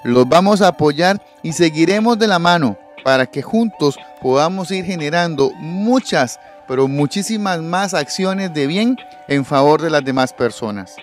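A man's voice: on the high side, animated, moderate pace, few pauses, soft background music. A man reporting a local charity event in formal news narration. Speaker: TV reporter and interviewer. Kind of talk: news narration and street interview. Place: outdoor seaside event. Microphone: handheld mic.

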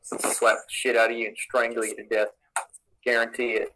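A man's voice: mid-range voice, level tone, normal speed, background noise. A man in played clips, ranting aggressively with profane, threatening, swaggering talk.

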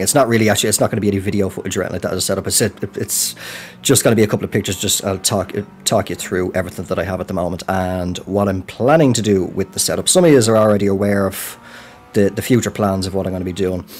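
A man's voice: lowish voice, a little mellow, a little hiss or hum. An Irish man giving a casual personal update as a gaming channel host, rambling and colloquial in a self-deprecating way.

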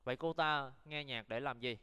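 A man's voice: mid-range voice, moderate pace, sharp tone, clean tone, long reverb tail. A Vietnamese man with a Vietnamese accent teaching an online English lesson, drilling words for students to repeat and explaining in Vietnamese.

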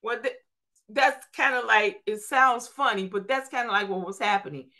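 A woman's voice: a little high, moderate pace, bright, forceful tone. A woman preaching a church sermon, reading scripture aloud, explaining it in plain folksy talk and calling out to the congregation. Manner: calls out to the congregation; informal, folksy phrasing.

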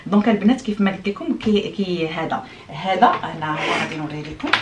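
Middle-aged Moroccan-accented woman, vlogger, chatty explainer, talks very fast in a lowish voice. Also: animated, highs cut off, noisy background. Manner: chatty, explaining and demonstrating, French words mixed in. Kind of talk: casual chat to viewers.

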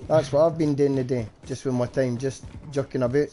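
A man's voice: medium pitch, fairly even intonation, brisk, over music. A man streaming a game, swearing and joking with friends over a headset. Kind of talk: casual gaming party chat.

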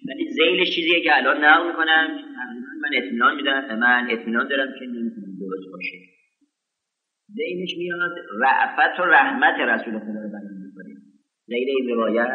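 A man giving a religious exegesis lecture, measured and deliberate, reciting Arabic quotations slowly. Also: medium pitch. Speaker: Quran exegesis teacher. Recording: roomy hall, muffled sound.

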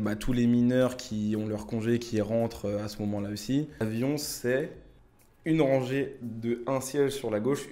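A man's voice: mid-range voice, warm tone. A young man casually telling travel anecdotes to camera, chatty and full of fillers, speaking straight to his viewers. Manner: chatty, many fillers, addresses viewers directly.

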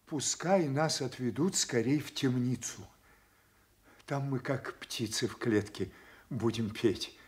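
A frail old king played by a male actor speaks very slowly, in drawn-out declamation. He is tender and resigned, in the manner of a classical tragedy on radio. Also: mid-range voice, darkish tone, natural voice. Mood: tender, wistful.

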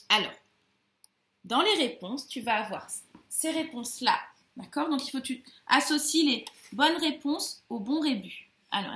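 A woman teacher giving a slow, emphatic phonics lesson to young children, stretching out each syllable. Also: high voice, bright, forceful tone, echoey room.

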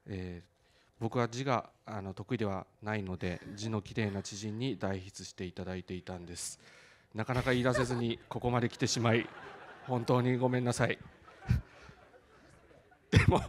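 Earnest man reading a letter aloud. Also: medium pitch. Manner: earnest, measured, slightly halting. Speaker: film director. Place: theater stage at a film event.

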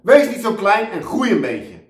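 A man voicing a bossy young woman lifeguard who yells orders at everyone. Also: high-pitched, sing-song, moderate pace, roomy sound, distant mic, voice pushed up. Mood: shouting. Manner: yelling orders.

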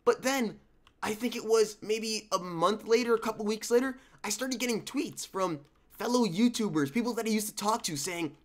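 A man's voice: high-pitched, moderate pace. A young man with a sick voice, giving rambling, casual voice-over commentary for his gaming channel from home. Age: young adult. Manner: rambling, conversational, restarts. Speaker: gaming YouTuber.

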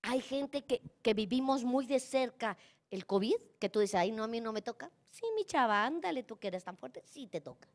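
A woman's voice: a little high, lively intonation, normal speed. A middle-aged woman with a Mexican accent gives a motivational conference talk. She speaks colloquially and teases the audience, addressing them directly.

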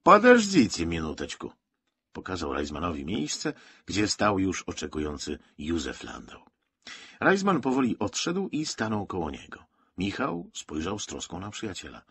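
A man narrating an audiobook in an expressive, dramatic reading. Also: low voice, normal speed, slight background noise.

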